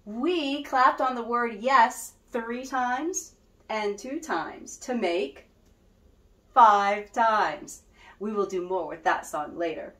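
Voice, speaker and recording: A woman's voice: on the high side, slow, fairly bright tone. A woman music teacher leading a children's lesson, cheerful and guiding with call-and-response. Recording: roomy echo.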